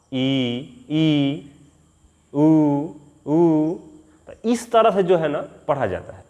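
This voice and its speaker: A man teaching a spoken English lesson at a board, drawing out sounds slowly to demonstrate and often checking that students follow. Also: on the high side. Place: classroom with a board.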